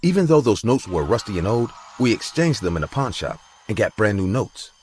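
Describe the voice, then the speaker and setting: A man's voice: on the low side, sing-song, fairly quick, a little hiss or hum. A man voicing a bold, tipsy young woman who bosses her younger sister around with a teasing edge. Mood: boastful. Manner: teasing, bossy.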